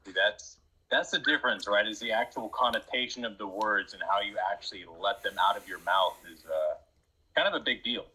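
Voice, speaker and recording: Brief: talkative guest, husky tone, energetic and repetitive phrasing. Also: male voice, lowish voice, fairly quick, rough recording. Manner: rambling, emphatic, many restarts. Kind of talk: casual conversation.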